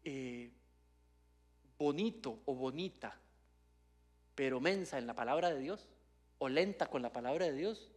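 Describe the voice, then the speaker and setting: A man's voice: mid-range voice, expressive, a little slow, long pauses, darkish tone. A man preaching at a church service as pastor, teaching with rhetorical questions and long lists and building to emphatic passages. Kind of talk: Spanish-language sermon.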